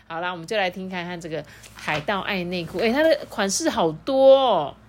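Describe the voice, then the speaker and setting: A woman, a mother reading a children's story aloud in a playful, animated way and asking her child questions. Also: on the low side, moderate pace, a little hiss or hum.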